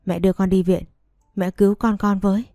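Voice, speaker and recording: A woman reading the lines of a sharp-tongued pregnant young wife, cold and cutting. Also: medium pitch, little pitch movement, a little fast, no room sound, clean studio sound, faint music behind, lightly acted. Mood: weak, pleading.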